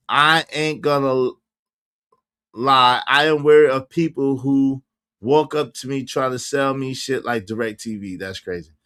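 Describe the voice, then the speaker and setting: Hosting a casual livestream, a man of about fifty chats animatedly with viewers, laughing and reacting to their comments. His voice is mid-range and a bit bright.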